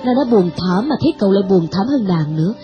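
A woman reading a novel aloud with expressive storytelling. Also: medium pitch, quick pace, muffled recording, music in the background. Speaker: narrator. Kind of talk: audiobook narration of a novel.

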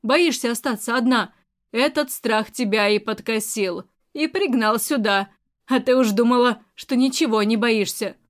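A woman's voice: on the high side, measured pace, lightly acted. Woman voicing a bitter, weary rich man.

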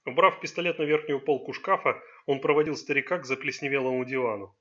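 A man narrating a crime novel in a steady, even reading. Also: medium pitch, quick pace, muffled recording. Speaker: audiobook narrator. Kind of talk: scripted narration.

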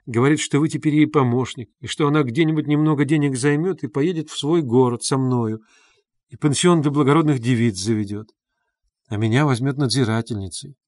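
A man reading a timid, hushed young woman. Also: mid-range voice, a little fast, dry recording, studio quality, lightly acted. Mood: pleading. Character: timid poor young woman, pale and anxious.

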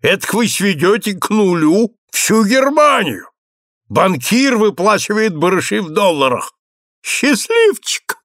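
A man's voice: mid-range voice, very animated, moderate pace, fairly bright tone, no room sound, studio quality. A man reading aloud and voicing a blustering, condescending husband who roars his lines. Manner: blustering, roaring.

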